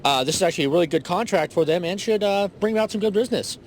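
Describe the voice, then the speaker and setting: Here is a man who reports flight-test news in an easy, offhand way, dropping in fillers and dry asides. His voice sits a little higher than most men's, and a faint low rumble runs under it. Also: very fast. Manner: informal, filler-heavy, wry. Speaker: listener correspondent.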